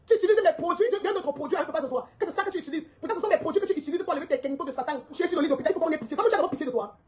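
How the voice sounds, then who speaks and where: A woman's voice: very high-pitched, rapid-fire. A woman delivering a heated, confrontational social media rant, repeating her points and laughing mockingly.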